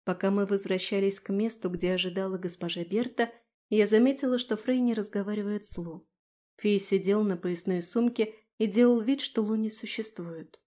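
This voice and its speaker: A woman narrating a first-person fantasy audiobook in an expressive, storytelling manner. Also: mid-range voice, moderate pace.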